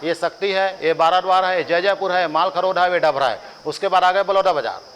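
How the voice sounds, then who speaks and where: A man's voice: sits high, fairly quick, a bit bright, slight background noise, rough recording. A man with a Chhattisgarhi accent teaching a coaching class, drilling lists by rhythmic repetition with joking asides to students. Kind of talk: classroom lecture with chanted drills.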